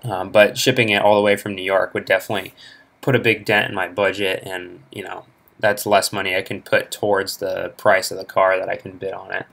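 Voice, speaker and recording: A young man with a fairly low voice chats loosely through his screen recording, wandering between thoughts and dropping plenty of ums. He is recorded at home on a laptop's built-in mic. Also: brisk, vocal fry. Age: young adult. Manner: relaxed, rambling, lots of fillers. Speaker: car vlogger. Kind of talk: casual screen-recorded commentary. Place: home room, indoors. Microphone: laptop internal mic.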